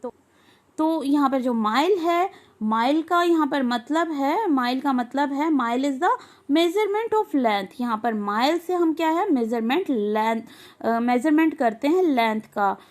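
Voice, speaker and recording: Slow, high-voiced woman teacher. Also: animated. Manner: slow, patient, asks questions and answers them herself. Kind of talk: explaining an English lesson for young children.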